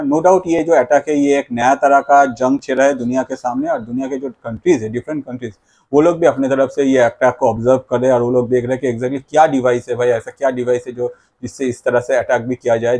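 A man's darkish, mid-range voice carries a news explanation delivered straight to camera. He's a video creator and host working from a small, plain indoor room with a lapel mic, and his explanatory style features repetitive catchphrases mixed with English.

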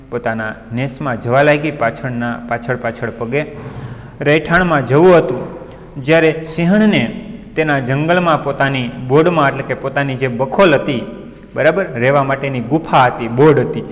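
A male teacher giving an online class, retelling a story and stopping often to explain the meaning of words. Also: mid-range voice. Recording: long reverb.

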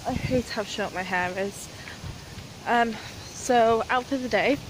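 Young girl vlogging on her phone, chatty and giggly, bit high voice, lots of background noise. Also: a little slow. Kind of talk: casual vlog chat. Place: small flat indoors, then windy street outdoors. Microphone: handheld phone camera at arm's length.

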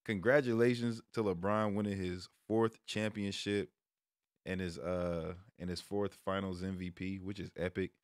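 A low-pitched, steady voice at normal speed belongs to an American streamer in his thirties who hosts a sports vlog. He talks laid-back and slangy to camera in a small room at home, headset on, close to a stand mic, with studio-quality sound and no room tone.

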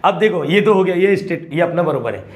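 High-voiced man teaching math. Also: lively intonation, fast. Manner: colloquial, asks students frequent check questions. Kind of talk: classroom lecture.

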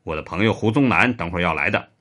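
A man voicing a stern, curt middle-aged spy chief in a low, gruff, clipped voice. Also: animated, fast, fairly bright tone.

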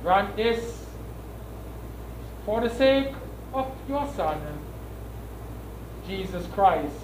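A middle-aged priest with a notably high voice for a man leads solemn funeral prayers. He reads formally and with measure, pausing between phrases. He is heard from a distance in an echoey room with clear background noise. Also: lively intonation. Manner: measured, formal reading with pauses. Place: small indoor funeral service room.

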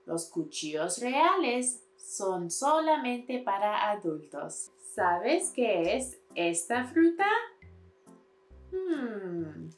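A woman teaching Spanish to toddlers in a slow, sing-song, encouraging way, repeating simple words. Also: on the high side, a little mellow, roomy sound.

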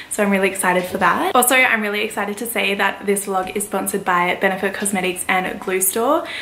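A woman in her twenties vlogging her makeup routine in casual, enthusiastic chat, her voice croaky from the morning. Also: medium pitch, roomy sound, slight background noise. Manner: bubbly, enthusiastic. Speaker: beauty vlogger.

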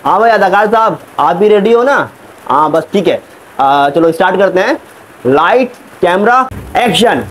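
A man playing a fed-up shouting film director. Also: high-pitched, lively intonation, a little hiss or hum, low-quality recording. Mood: exasperated. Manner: scolding, exasperated, calls out cues slowly. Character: impatient shouting male film director, adult. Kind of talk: comic short film acting.

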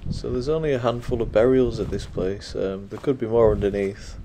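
Low-voiced man in heavy wind. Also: a little fast. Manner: relaxed, with frequent ums. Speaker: walking vlogger. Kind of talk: casual walking tour narration. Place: outdoors in a windy rural churchyard. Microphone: action camera. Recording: loud wind noise on the mic.

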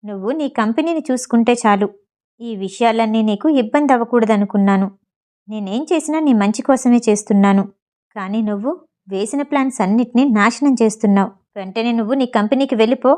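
Brief: a woman doing a sneering older schemer in an audio novel, bossy, with a mellow, fairly high voice. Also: fairly quick, natural voice. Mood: commanding. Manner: commanding, sneering. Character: scheming older man, the hero's uncle.

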